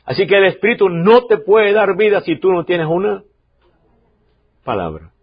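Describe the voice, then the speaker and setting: A man preaching a sermon as pastor, emphatic, repeating key lines and swinging from loud to quiet. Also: high-pitched, animated, normal speed, slightly rough, muffled recording. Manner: emphatic preaching, repeats key phrases, varies loudness sharply.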